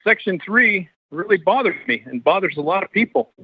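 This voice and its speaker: Council guy dialed in, choppy glitchy audio cutting out, kinda high voice, muffled dry line. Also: expressive, husky, dry recording. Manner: pointed, questioning, halting. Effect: breaking-up glitchy call audio. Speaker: council delegate. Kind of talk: committee meeting debate. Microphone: remote call-in line.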